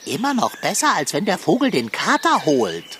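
Man voicing a pompous fat tomcat, lecturing, food-loving, children's radio play, lively pitch, loud outdoor nature sounds. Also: normal speed, a little hiss or hum, heavily acted. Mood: fretful. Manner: elaborate, lecturing, know-it-all phrasing.

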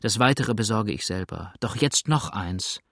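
A man's voice: fairly low pitch, animated, moderate pace, a bit bright, dry recording, studio quality. Man voicing a firm, pleading lady. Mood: earnest. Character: earnest, determined lady, pleading firmly.

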